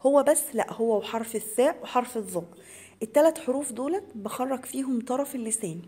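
A woman with an Egyptian accent teaching tajweed to beginners. She explains each rule in quick colloquial speech, then recites the words slowly and drawn out. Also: a little high, mellow, husky. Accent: Egyptian Arabic.

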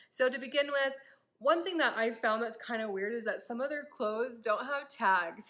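Young woman, fairly high bright voice, casual upbeat haul chatter, ums. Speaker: vlogger. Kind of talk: casual try-on haul chat.

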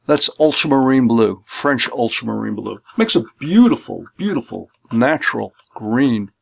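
A middle-aged man, an art instructor, calmly and methodically walks through his painting supplies, listing them one by one. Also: medium pitch, moderate pace, vocal fry. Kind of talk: instructional demonstration. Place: home art studio, indoors.

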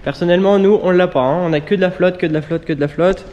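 A man's voice: high-pitched, steady tone, fast talker, a little mellow, muffled recording, slight background noise. Chatty French-speaking man fixing his car. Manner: chatty, filler-heavy, addresses viewers directly. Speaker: car repair vlogger. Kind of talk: casual how-to vlog talk. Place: outdoors by a car while it rains.

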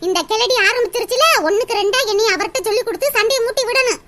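A woman voicing a defiant, sharp-tongued young wife in a cartoon, talking back sarcastically with a southern Tamil accent. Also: very high-pitched, fast talker. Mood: muttering. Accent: southern Tamil (Tirunelveli). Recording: loud background noise.

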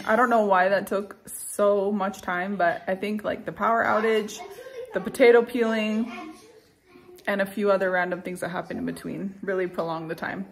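A woman's voice: mid-range voice, slight background noise. A woman vlogging casually at a home dinner table, chatting in a rambling way with lots of fillers. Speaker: cooking vlogger. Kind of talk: casual chat. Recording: clattering dishes at a family meal. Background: clinking dishes and cutlery.

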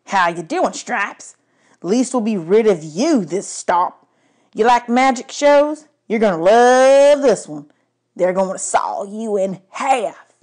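A woman's voice: on the high side, big pitch swings, takes it slowly, few pauses, voice pushed up, exaggerated voice. A woman doing a brash, mocking trucker. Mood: taunting. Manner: taunting, brash, shouting. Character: crude loud male trucker, mocking.

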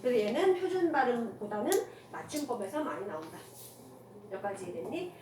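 A woman teaching a classroom grammar lecture, firing quick rhetorical questions at her students and mixing casual with polite speech. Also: on the high side, expressive. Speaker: Korean language teacher. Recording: echoey room from far off, noisy.

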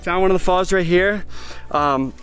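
A man in his thirties talking casually to a handheld camera outdoors by a rocky pool, relaxed and a little hesitant. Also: sits high, moderate pace, clean tone, faint music behind. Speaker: hiking friend. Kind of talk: casual vlog chat.

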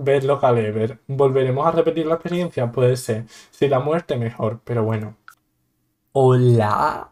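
A man with a Spain Spanish accent talks through a video game. He jokes, exclaims and laughs often in a mid-pitched voice. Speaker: gaming YouTuber. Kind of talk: let's play commentary.

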